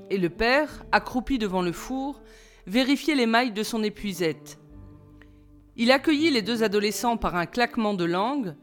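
Woman reading a novel aloud. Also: a little high. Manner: measured, expressive reading. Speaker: reader.

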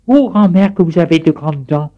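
A man voicing a sweet, polite little girl in a children's story, asking gentle questions. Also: on the high side, moderate pace, lo-fi sound, pitched above the performer's own voice, natural voice. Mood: wondering.

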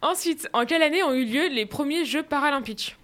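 A woman hosting a casual sports quiz for her friends. Her voice sits high and bright, and she laughs often while reading out questions in a playful way. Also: a little fast, slight background noise. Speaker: quiz host.

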